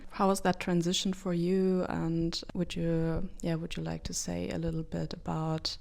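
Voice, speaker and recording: A woman hosting an interview, asking calm, measured questions. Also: on the low side, creaky. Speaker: host, interviewer.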